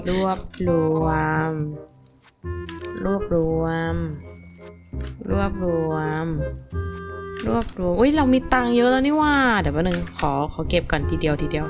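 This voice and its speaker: A young adult woman giving casual, animated gameplay commentary as a gaming YouTuber, exclaiming and chatting to her viewers. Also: mid-range voice.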